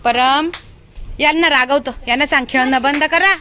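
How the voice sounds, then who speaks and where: A woman's voice: high voice, moderate pace, sharp tone. A young woman, a mother talking casually to her children and her viewers, coaxing and playfully scolding. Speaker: vlogger, mother. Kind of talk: casual family vlog chat. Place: home, in and out of doors. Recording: noisy home phone recording.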